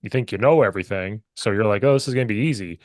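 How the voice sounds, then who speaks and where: Quick-talking male host, low voice, animated storyteller, dry close sound. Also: no echo. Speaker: podcast host. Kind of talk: podcast interview.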